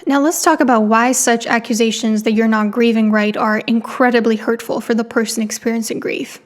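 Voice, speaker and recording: A woman psychologist hosting her channel, giving blunt, impassioned commentary full of rhetorical questions. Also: fairly high pitch. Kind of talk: opinionated commentary to camera.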